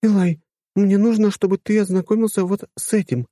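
Haughty young princess, insistent, mellow dark tone, played by a male narrator. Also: sits high, steady tone, brisk, dry recording, clean studio sound, pitched above the performer's own voice. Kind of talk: audiobook narration.

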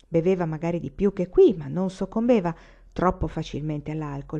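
A woman reading a novel aloud in calm, measured narration. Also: on the low side. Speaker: reader. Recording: slightly dull, lo-fi recording.

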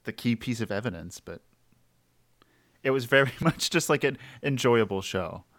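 A man co-hosting a podcast in casual chat, relaxed, with hesitant restarts and chuckles. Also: mid-range voice, normal speed, dry recording. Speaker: podcast co-host.

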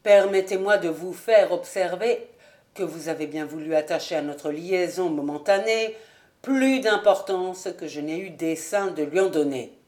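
Audiobook: a woman plays a brooding, aloof young nobleman, low and restrained. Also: measured pace, a little mellow, close to an everyday voice. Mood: cold. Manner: cold, haughty and restrained. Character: proud gloomy young male nobleman.

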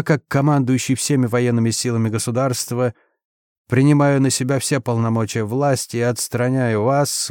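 Brief: man playing a granite-like commander, slow, heavy, emotionless. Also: medium pitch, darkish tone, clear, resonant tone, no echo, studio quality, lightly acted. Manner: slow, measured, weighty. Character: stern massive male military commander, slow and impassive.

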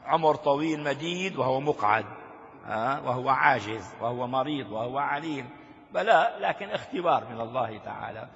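An older sheikh gives a classroom commentary on a classical text, pausing to quiz his students with rhetorical questions. His voice is gravelly at a mid pitch. The lo-fi recording carries a long hall reverb. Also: lively intonation, fairly bright tone. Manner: explains slowly, quizzes listeners with rhetorical questions. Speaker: sheikh teaching a hadith text.

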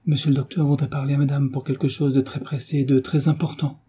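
Polite little maid announcing a visitor, guy reading, husky dark. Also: mid-range voice, little pitch movement, fast, voice pushed up. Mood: deferential. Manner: polite, deferential. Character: dutiful female house servant, respectful.

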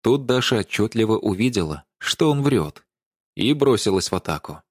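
A man's voice: on the low side, normal speed, no room sound, clean studio sound. Man narrating an audiobook animatedly. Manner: dramatic, animated reading.

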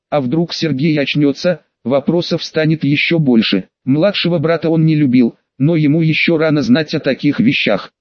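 A man reading a fantasy audiobook in a measured storytelling manner. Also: on the high side, no echo, dull audio. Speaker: audiobook narrator. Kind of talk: scripted narration.

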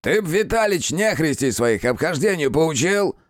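A man voicing a fat, wheezing, crafty old innkeeper in an audiobook, gruff and mocking. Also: fairly high pitch, wildly swooping pitch, unhurried, no echo, clean studio sound, pitched above the performer's own voice. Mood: sly. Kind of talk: audiobook character voice.

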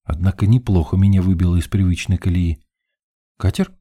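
A man's voice: low voice, normal speed, mellow, dry recording, studio quality. A man narrating an audiobook in a wry, ironic first-person style.

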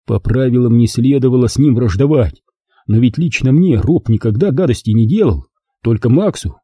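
Male audiobook narrator: husky, deep-toned, lively pitch, dry close recording. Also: moderate pace, no echo, muffled recording. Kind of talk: scripted first-person narration.

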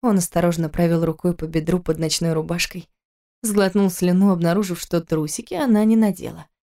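A woman narrating an audiobook in a low, mellow voice. Her delivery is steady and even, reading the prose in a calm storytelling manner. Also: brisk. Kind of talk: scripted narration of a romance novel.

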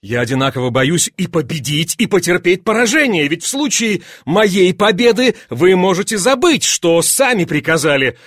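A man's voice: high-pitched, animated, fairly bright tone, no room sound, clean studio sound, pitched above the performer's own voice. A man reading an audiobook and voicing a polite, composed fencing master who answers with deference. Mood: measured. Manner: deferential, measured.

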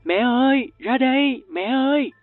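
A frightened young boy cries out in a high, strained voice, desperate and pleading, voiced by a man reading a storybook. The sound is thin and phone-like, and faint music plays underneath. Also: big pitch swings, normal speed, husky, no echo, exaggerated voice. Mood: panicked pleading. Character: terrified young boy screaming for help.

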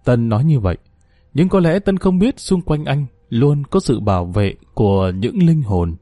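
A man's voice: medium pitch, lively intonation, normal speed, dark tone, dry recording. A man narrating a ghost story in a scripted reading, giving the characters small acted shifts.

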